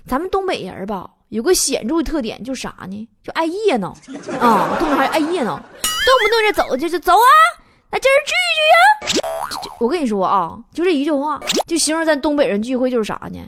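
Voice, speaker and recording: Northeast chinese lady doing a comedy rant, high bouncy voice, noisy background. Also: big pitch swings, fast talker. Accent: Northeastern Mandarin. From Northeast China. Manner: playful storytelling, frequent laughter. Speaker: comedy show host. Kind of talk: comic monologue.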